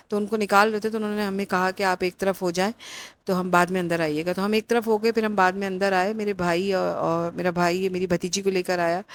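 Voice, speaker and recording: A middle-aged woman narrating a family outing in a casual, rambling vlog with many fillers. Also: mid-range voice. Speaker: vlogger.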